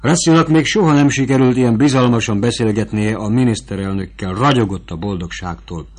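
A man narrating an audiobook in a steady, even scripted reading. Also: medium pitch.

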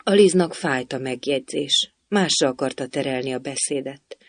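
A man narrating a storybook in a measured, even way. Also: mid-range voice, no echo. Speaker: audiobook narrator.

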